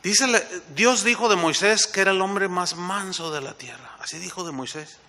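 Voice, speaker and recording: A male pastor preaching in a lively, chatty way, his voice sitting high for a man and sounding strikingly bright and forceful. He keeps turning to his listeners with quick questions. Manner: conversational, asks the congregation rhetorical questions. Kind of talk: sermon.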